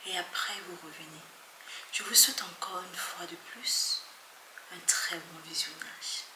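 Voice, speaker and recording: A woman's voice: lowish voice, a little slow. Earnest woman vlogger, echoey room. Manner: earnest, emphatic, often soft and hushed. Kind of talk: earnest talk to camera. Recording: echoey room with faint background noise.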